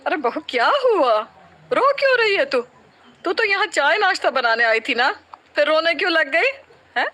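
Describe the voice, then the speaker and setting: A woman's voice: high voice, sing-song, moderate pace, bright, forceful tone, heavily acted. A woman voicing a kind older mother-in-law in a cartoon story, soothing and motherly. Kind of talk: cartoon voice acting.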